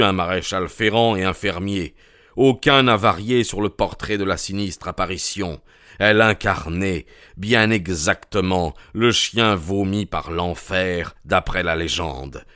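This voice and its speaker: Man voicing a grave, reluctant country doctor in an audiobook; low, slow, smooth, earnest. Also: fairly bright tone, no echo, clean studio sound. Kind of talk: audiobook character reading.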